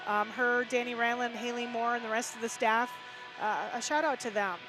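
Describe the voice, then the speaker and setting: Here the same sort of casual live-stream hockey commentary comes from a Minnesotan woman whose voice sits on the high side at a normal speed. She chats, reads off stats and uses fillers, all over music in a rough recording.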